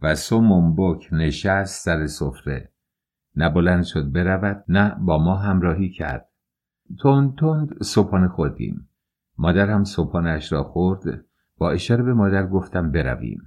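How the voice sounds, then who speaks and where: Deep-voiced man narrating an audiobook. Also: animated, a little mellow. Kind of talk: scripted first-person narration.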